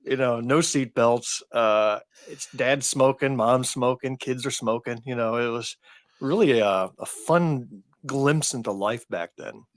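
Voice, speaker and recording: A man in his fifties co-hosts a podcast, talking in a mid-pitched voice and drifting into long, rambling stories. The sound is dry and close, with no room around it. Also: a little slow, no room sound. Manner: rambling anecdotal storyteller. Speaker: podcast co-host. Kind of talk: casual chat.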